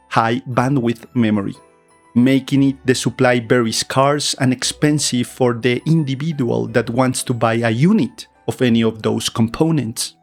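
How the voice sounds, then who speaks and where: A man who speaks English as a second language, delivering scripted opinion commentary in a deliberate way, stressing key words. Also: mid-range voice. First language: not English. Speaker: video essay narrator, VTuber. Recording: faint music behind. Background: background music.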